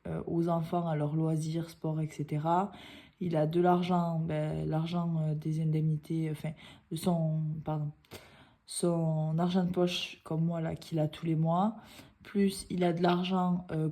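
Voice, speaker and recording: A woman who makes budgeting vlogs chats casually, rambling with many hesitations. Her voice sits low and has a warm tone.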